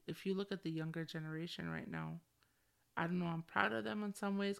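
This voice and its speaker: This middle-aged podcast host has a lowish voice marked by vocal fry. Alone on the mic, she talks candidly and coolly, slangy throughout, with a valley-girl habit of saying "like" over and over.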